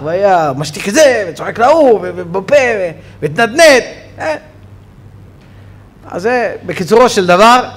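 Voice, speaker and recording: A man teaching a Torah lesson on Sabbath law in a study hall, with an Israeli accent, telling stories with a voice that rises sharply when he gets excited. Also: high-pitched. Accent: Israeli Hebrew. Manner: animated storytelling, voice rising sharply when excited. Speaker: rabbi teaching a Torah class.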